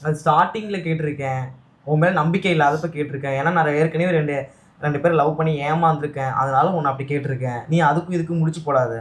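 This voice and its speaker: A young man with a Tamil accent, speaking calmly and firmly in a staged argument with his partner. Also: on the high side, fast talker. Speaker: YouTube couple vlogger.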